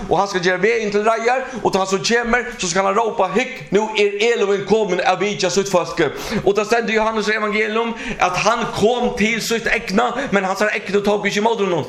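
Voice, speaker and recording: A man with a high voice preaches a sermon in an echoey hall. He reads scripture aloud, stops often to hesitate, and draws call-and-response from his listeners. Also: fairly even intonation, a bit bright. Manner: preaching with call-and-response, halting with many fillers. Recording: echoey room.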